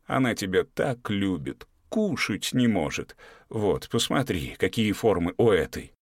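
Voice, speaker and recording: A man voicing a boastful, flirtatious grown man with a wheedling, lively way of talking. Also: lowish voice, a little slow, no room sound, studio quality. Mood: coaxing.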